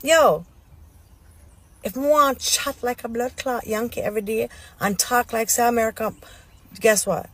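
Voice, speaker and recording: A woman's voice: on the high side, unhurried, pauses often, fairly bright tone. A woman from Jamaica with a Jamaican accent, delivering a heated, swearing rant.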